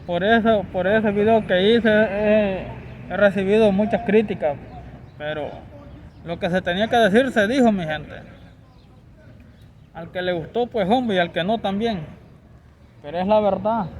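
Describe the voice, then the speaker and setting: A man's voice: high-pitched, darkish tone, a little hiss or hum, poor audio. A young Honduran man with a Honduran Spanish accent, giving an insistent, repetitive opinion rant to camera as a vlogger, recorded outdoors by a street.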